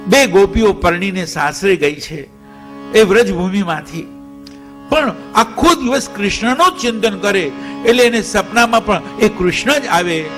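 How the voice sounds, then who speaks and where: A man giving a devotional storytelling sermon, lively and conversational, with humorous asides. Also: high-pitched, measured pace, soft background music.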